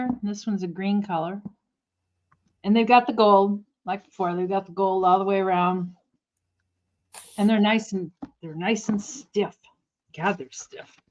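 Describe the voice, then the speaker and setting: Over dull audio, a woman with a medium-pitched voice runs a casual live online auction as a livestream seller. Her chat rambles, and she corrects herself as she goes.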